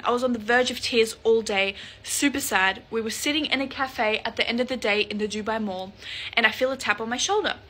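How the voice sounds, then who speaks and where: A woman's voice: a little high, pushed and bright, husky. A young woman vlogger telling an emotional story to camera in a gushing, casual way, laughing now and then.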